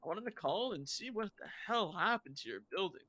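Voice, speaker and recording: A man leaves a playful, cocky voicemail, teasing as he talks. His voice is high and bright, swinging all over, and it sounds dry and close. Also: animated, brisk, no echo. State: leaving a voicemail. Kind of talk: in-character roleplay.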